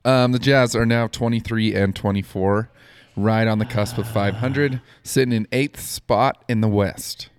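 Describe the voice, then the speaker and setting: A man with an American accent co-hosting a casual sports podcast, his voice slightly hoarse and giving out. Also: fairly low pitch, steady tone, measured pace, a little hiss or hum. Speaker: podcast co-host.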